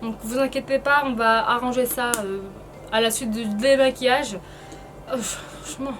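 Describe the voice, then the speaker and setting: A woman's voice: fairly high pitch, fairly even intonation, normal speed, a bit bright, faint music behind. A woman giving a casual, chatty beauty tutorial, hesitant and informal, her speech slightly impeded by painful braces. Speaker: beauty vlogger presenting a tutorial.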